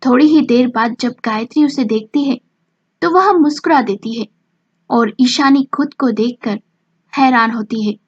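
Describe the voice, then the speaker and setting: Husky woman reading a drama story. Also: on the high side, unhurried, no room sound, dull audio. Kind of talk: scripted story narration.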